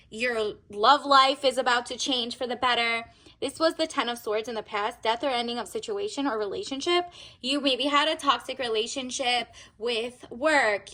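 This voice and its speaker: Bright, high-pitched woman reading tarot. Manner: chatty, slangy, encouraging. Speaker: tarot reader and channel host. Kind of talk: casual tarot reading to viewers.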